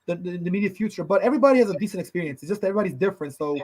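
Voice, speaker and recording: A man's voice: high voice, animated, a loud crowd, poor audio. A man co-hosting a podcast in casual chat, rambling and often calling his partner "bro". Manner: rambling, fast, says "bro" a lot. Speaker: podcast co-host.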